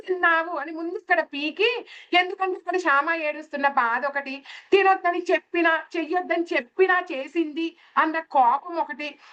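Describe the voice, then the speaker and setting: A woman's voice: high voice, fairly bright tone, muffled recording. A woman teaching spiritual lessons through everyday stories, often asking her listeners questions. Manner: asks the listeners questions with tag words. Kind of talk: explaining scripture with everyday stories.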